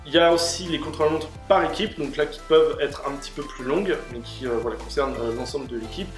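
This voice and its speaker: A man's voice: fairly high pitch, quick pace. A man hosting a question-and-answer video, explaining at length with many fillers and restarts. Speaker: host answering questions on cycling. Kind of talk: casual explanatory Q&A. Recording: roomy room with faint music.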